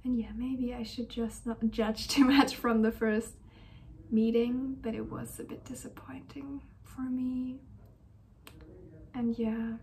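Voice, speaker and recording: A young adult university student talks in a casual diary-style vlog, speaking softly and hesitantly and often slipping into a gentle, breathy whisper. Her voice is on the high side and level in tone, slow in pace, with slight background noise.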